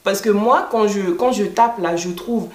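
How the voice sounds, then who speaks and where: A woman vlogger telling a storytime in casual chat, animated and indignant, with many fillers. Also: medium pitch, unhurried. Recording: echoey room.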